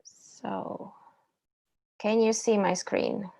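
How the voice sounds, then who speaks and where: A woman from Slovakia in her thirties giving a technical conference talk over a video call, explaining clearly with some ums and self-corrections. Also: mid-range voice, fairly even intonation, extremely slow, dark tone. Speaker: invited speaker. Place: indoor room at home or office.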